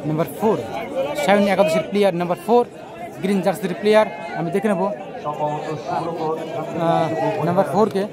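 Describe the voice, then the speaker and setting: High-pitched man calling live football. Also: steady tone, brisk, long pauses. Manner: repeats phrases over and over. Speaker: football commentator. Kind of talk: live play-by-play football commentary. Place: outdoors at a local football ground. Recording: outdoor recording with loud crowd.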